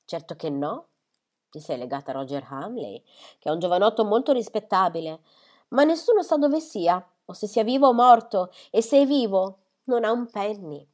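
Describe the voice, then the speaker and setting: Reading a novel aloud, a woman voices a fretful, self-pitying middle-aged mother scolding her daughter, her tone complaining and reproachful. Her medium-pitched voice is animated and a little mellow at a moderate pace, pitched above her own natural voice yet close to everyday speech.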